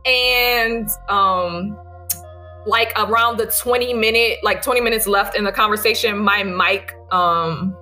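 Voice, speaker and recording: A woman's voice: medium pitch, fairly even intonation, unhurried, sharp tone, soft background music. A woman hosting a podcast in a casual, chatty, self-deprecating and wry way, talking into her laptop's built-in microphone on a video call. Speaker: host and author.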